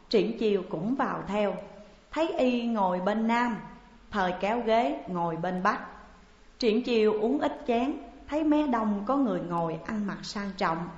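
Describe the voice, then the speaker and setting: A woman narrating a classic novel as an audiobook in a steady storytelling voice. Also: medium pitch. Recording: dull echoey recording, long reverb.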